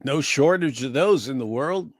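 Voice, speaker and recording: A man's voice: mid-range voice, animated, moderate pace, no room sound. A man joining a casual live-stream chat as a guest over a video call, talking in dry, laconic quips. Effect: heard over a video call.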